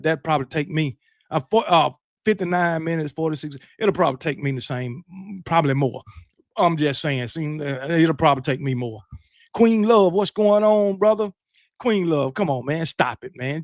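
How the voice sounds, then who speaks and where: Gravelly man hosting a late-night stream. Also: on the high side, no echo, studio quality. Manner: relaxed, shout-outs, slangy banter. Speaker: livestream host. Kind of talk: casual late-night chat, reading viewer comments.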